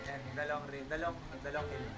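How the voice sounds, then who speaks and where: A woman off-mic in the streamer's room, giving quiet, quick advice about the game. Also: sits low, fairly even intonation, soft background music.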